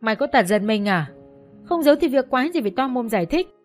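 A woman's voice: a little high, expressive, fast, faint music behind, voice pushed up, natural voice. A woman voicing a spiteful, jealous hostess who sneers and taunts in an audiobook story. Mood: tattling.

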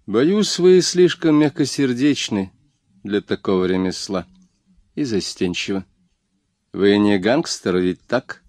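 A man reading the lines of a calm, bold young woman who teases and questions in an audiobook. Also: lowish voice, takes it slowly, no echo, clean studio sound. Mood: playful.

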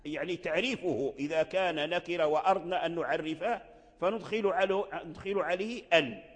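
A somewhat high-voiced man gives a recitation lesson, going back over each example word again and again. His voice trails off into a long hall reverb. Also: fairly quick. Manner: explains by repeating each word several times. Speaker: Quran recitation teacher. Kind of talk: classroom lesson explanation.

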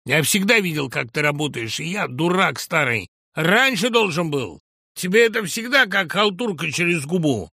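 A ranting, bullying middle-aged producer who shouts in a raised, sharp voice that leaps wildly up and down, as a man puts him on in an audiobook. Every sentence comes out as a tirade. The recording is close and dry. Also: mid-range voice, sing-song, slow pace, hardly any pauses, husky, no echo, full character voice. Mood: ranting furious. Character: loud, hysterical middle-aged male film producer. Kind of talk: audiobook reading.

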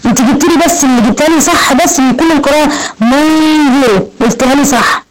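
An Egyptian woman teaching Quran recitation, giving quick, encouraging corrections and slowly drawing out example words. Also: high voice, poor audio. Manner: quick, encouraging corrections with slow drawn-out demonstrations. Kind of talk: online recitation lesson, correcting a student.

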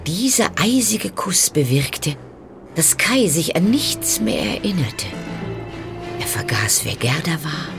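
A woman narrating a fairy tale in a slow, dramatic storytelling manner that speaks to the listener. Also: low voice, very animated. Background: faint music.

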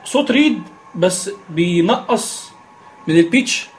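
A man's voice: high-pitched, expressive, unhurried, a little hiss or hum. A man with an Egyptian Arabic accent explaining a screen reader step by step, with many filler sounds. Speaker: instructor.

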